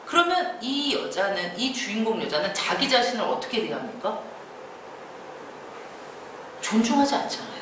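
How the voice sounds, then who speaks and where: A woman giving a lively creative-writing lecture, acting out quoted lines and laughing often. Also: fairly high pitch, moderate pace, pauses often. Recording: echoey room from far off, faint noise.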